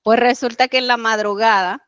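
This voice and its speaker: A woman's voice: fairly high pitch, steady tone, a bit bright, smooth, no room sound. Earnest woman telling a story, lo-fi. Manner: earnest, halting, with frequent fillers. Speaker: interview guest. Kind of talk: personal storytelling in conversation.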